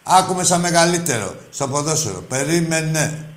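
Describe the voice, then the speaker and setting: A brash male call-in host with a slightly high voice and a roomy studio sound. He argues with callers in crude, teasing banter and pushes back hard. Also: animated. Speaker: sports radio call-in host. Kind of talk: heated call-in argument.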